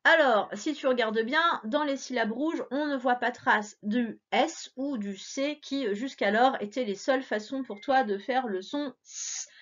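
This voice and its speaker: A woman's voice: on the high side, unhurried, a bit bright. A woman teacher giving a remote reading lesson to young children, sounding out words syllable by syllable in a patient, encouraging way. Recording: dull lo-fi recording.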